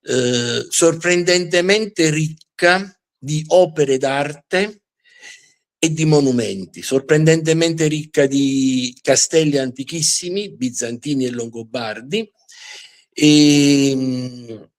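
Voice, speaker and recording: A man hosting a live history show in unscripted talk, often pausing and repeating words as he searches for the right phrasing. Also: on the high side.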